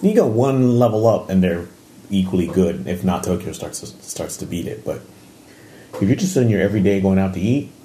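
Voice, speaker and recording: A man with a low voice talks in a relaxed podcast conversation. His tone is dark and mellow. He tells stories with animated energy and laughs often. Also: a little fast. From Japan. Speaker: podcast co-host. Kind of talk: casual chat.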